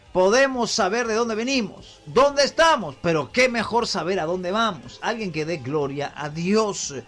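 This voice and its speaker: Lively high-pitched male preacher. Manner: preaching with call-and-response prompts to the congregation. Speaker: pastor. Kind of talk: sermon.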